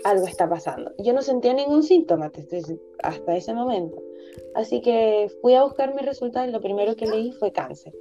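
A young woman with a very dark, mellow voice tells her story as a podcast guest, candidly and with plenty of hesitation. The audio sounds dull and lo-fi, and faint music plays underneath. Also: medium pitch. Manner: candid, emotional, many hesitations. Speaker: guest, physician.

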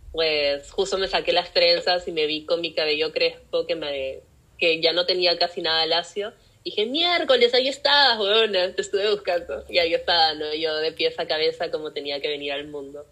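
A woman's voice: deep voice, rough recording. A young woman with a Peruvian Spanish accent, telling her own story as a guest in an interview and acting out the voices she quotes. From Peru. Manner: animated, acts out voices in quoted speech. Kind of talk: personal storytelling in a podcast interview.

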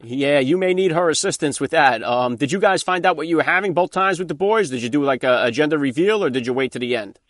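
A man hosts a podcast interview, asking his questions in a quick, upbeat manner. His voice sits a little high for a man. The sound is dry and close. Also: a bit bright, no room sound. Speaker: podcast host. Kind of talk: interview hosting.

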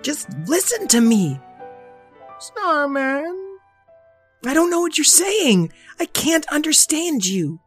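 A woman's voice: high-pitched, very animated, takes it slowly, faint music behind, pitched above the performer's own voice, exaggerated voice. A woman voicing a fretful little magic wand. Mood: frustrated. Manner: fretful, pleading. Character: small anxious magic wand, childlike.

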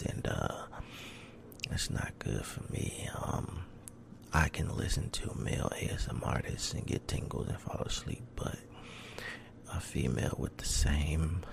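A man speaking soft ASMR in a rough, deep, hushed voice that slips into whispering, slow and halting. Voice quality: deep, rough, breathy low voice. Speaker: ASMR video creator.

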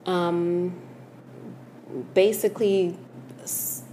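Low-voiced woman explaining calmly. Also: very slow, a little hiss or hum. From United States. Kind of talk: casual conversation.

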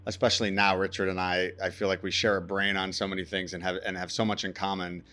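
A man speaks fast as a guest in a casual interview, thoughtfully recalling his career and frequently restarting his sentences. His low voice comes across flat in delivery, yet pushed and bright in tone.

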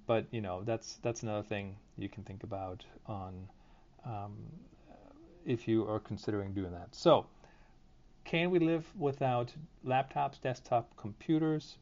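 A man's voice: medium pitch, darkish tone. Man on a dull phone headset mic. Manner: informal, conversational, thinking aloud. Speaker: podcast and live stream host. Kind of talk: casual solo monologue. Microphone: phone headset, headphones used as mic.

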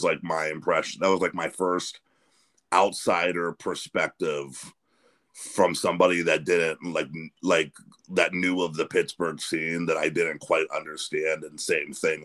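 Deep-voiced rambling man, podcast host. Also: a bit bright. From Pennsylvania. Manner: rambling, many restarts and "like". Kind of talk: casual chat.

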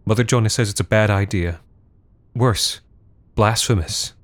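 A man's voice: on the low side, a little slow, dry recording, close to an everyday voice. A man doing a timid, whimpering servant woman. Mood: fearful. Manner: whimpering, fearful.

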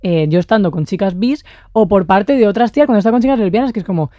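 A woman's voice: medium pitch, quick pace, dark tone, no echo, dull audio. Woman, chatty podcast co-host, slangy, acts out imagined talk, dry close sound. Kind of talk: casual chat.

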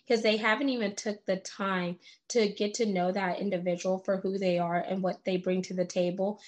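A woman's voice: medium pitch, a little mellow. A woman hosting an interview podcast, upbeat and enthusiastic as she introduces her guest and asks questions. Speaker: podcast host.

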